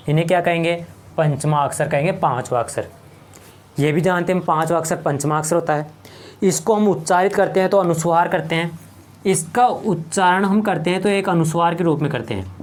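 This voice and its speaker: A man teaching a whiteboard lecture, slowly repeating each point and asking his class rhetorical questions. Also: high-pitched, a little mellow.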